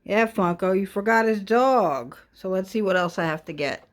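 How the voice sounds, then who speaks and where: A woman's voice: medium pitch, normal speed. A woman chatting casually and playfully, teasing as she helps out with an unboxing video. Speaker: off-camera adult helper in a child's unboxing video. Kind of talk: casual chat.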